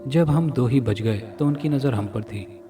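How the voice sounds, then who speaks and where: A man voicing a frightened young male captive of cannibals, telling his ordeal fearfully, heard from a distance over loud music. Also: medium pitch, unhurried, close to an everyday voice. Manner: fearful, pleading storytelling.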